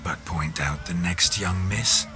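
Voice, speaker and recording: An actor playing a smug, flirtatious monster hunter in a video game, teasing and theatrical in manner. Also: male voice, low voice, takes it slowly. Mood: flirtatious, cocky. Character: ghost-possessed monster hunter, a cocky, flirtatious rogue. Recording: music behind the voice.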